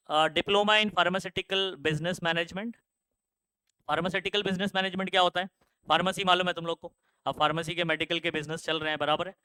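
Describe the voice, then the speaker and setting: This young male teacher's voice is high, pushed and bright, with a clear, resonant quality and no echo. He gives an informal career guidance talk, chatting conversationally, dropping frequent fillers, and regularly asking the class if they're with him.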